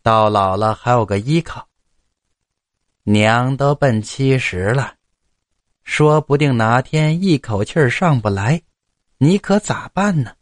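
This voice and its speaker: A man voicing a doting, worried widowed mother near seventy who talks slowly and coaxingly in a told story. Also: mid-range voice, animated, no echo, studio quality. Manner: slow, pleading, coaxing.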